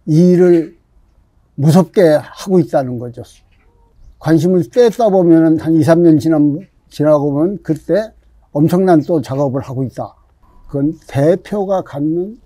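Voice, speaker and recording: A man who works in theater, speaking deliberately in a documentary interview. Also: fairly high pitch, mellow, no echo. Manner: deliberate, halting phrasing. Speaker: theater colleague.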